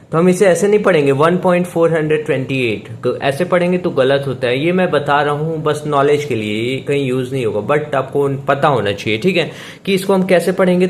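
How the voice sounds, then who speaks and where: A man teaching a math lesson step by step. He talks patiently and keeps asking and answering his own questions. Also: on the high side. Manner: patient, repeats questions to the viewer, says "theek hai" often. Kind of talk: step-by-step classroom explanation. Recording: echoey room with faint background hiss.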